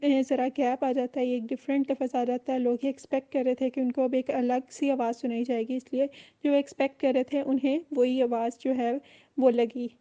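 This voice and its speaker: A woman's voice: high voice, little pitch movement, moderate pace, dark tone, lo-fi sound. A woman lecturing on a recorded online course, explaining terms patiently and repeating key phrases.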